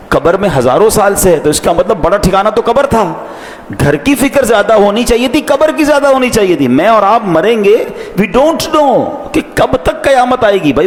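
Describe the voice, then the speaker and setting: A man preaching a passionate sermon, swinging between emphatic highs and low asides, slipping English words into his speech. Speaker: Islamic preacher. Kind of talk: impassioned Urdu sermon. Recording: long hall reverb.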